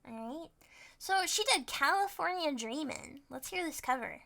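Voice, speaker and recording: Bubbly high-voiced woman streamer, voice changer. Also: lively intonation, normal speed, gravelly, very noisy. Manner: bubbly, chatty, swears casually. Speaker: streamer host. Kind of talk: casual stream chat. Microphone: USB audio interface setup.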